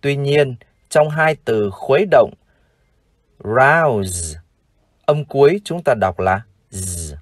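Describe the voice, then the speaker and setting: Slow, lively-pitched Vietnamese male teacher. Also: no echo, studio quality. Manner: formal, addresses "dear viewers", repeats words slowly for practice. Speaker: English teacher. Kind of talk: slow, formal vocabulary lesson.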